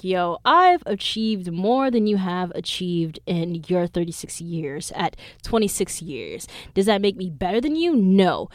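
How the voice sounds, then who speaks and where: A woman's voice: medium pitch, no echo, studio quality. A woman in her twenties hosting a podcast, telling a story in a casual, blunt and profane way. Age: 20s. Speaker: podcast host. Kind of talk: casual chat.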